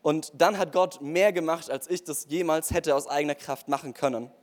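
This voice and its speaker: A man's voice: on the high side, moderate pace. A young man giving an earnest, casual sermon-style testimony, speaking straight to his listeners with frequent fillers.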